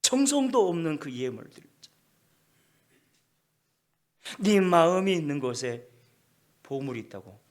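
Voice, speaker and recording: A man's voice: on the high side, big pitch swings, a little slow, long pauses. A male pastor preaching a sermon emphatically, often prodding the congregation with a rhetorical "eh?". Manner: emphatic, keeps prompting with rhetorical "eh?".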